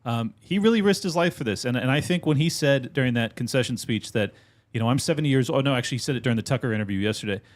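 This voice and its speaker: Male co-host, loose and chatty, quick interjections. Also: medium pitch. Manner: quick interjections, casual slang. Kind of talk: casual political chat.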